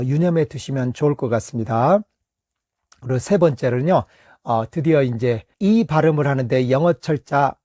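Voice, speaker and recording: A middle-aged man gives a calm pronunciation lesson with a slightly raised, mellow voice. He talks through each point patiently, with fillers and pauses, and draws out the sample words slowly so they can be heard. The sound is dry and close, with no room echo. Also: a little high. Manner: patient, steady explaining with many pauses and fillers; reads words slowly and stretches them as examples. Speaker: English pronunciation teacher. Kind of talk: explanatory lesson.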